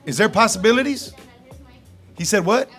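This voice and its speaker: A man's voice: high voice, animated, normal speed, fairly bright tone, slightly rough, faint music behind. A man hosting a radio stream, chatting in a playful, slangy way and laughing often. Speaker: radio show host. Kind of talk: casual studio banter.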